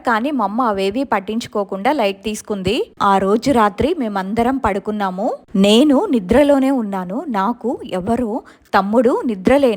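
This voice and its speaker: A woman's voice: fairly high pitch, darkish tone. A woman steadily telling a true ghost story in the first person.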